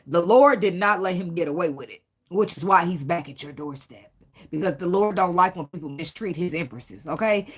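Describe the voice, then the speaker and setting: A woman's voice: fairly low pitch, a bit bright. Woman tarot reader, blunt and profane, preachy, choked up and tearful. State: tearful, fighting back emotion. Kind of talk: casual tarot reading monologue.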